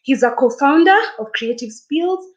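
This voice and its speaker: A woman's voice: high-pitched, lively intonation, normal speed, lo-fi sound. A young woman from Kenya hosting an online arts forum, chatting upbeat as she reads viewer comments out over a webcam in a small room. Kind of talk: live-stream hosting, reading comments. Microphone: laptop webcam mic on a video call.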